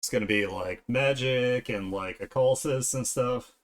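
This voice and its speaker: A male streamer and digital artist chats casually on a livestream while drawing, his talk blunt, slangy and profane. His voice sits in the mid range and he speaks a little slowly.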